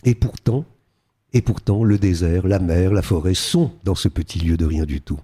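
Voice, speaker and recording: A man's voice: low-pitched, normal speed, dark tone, husky. An older man, an actor being interviewed on radio, talking animatedly and slipping into character voices now and then. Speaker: guest actor.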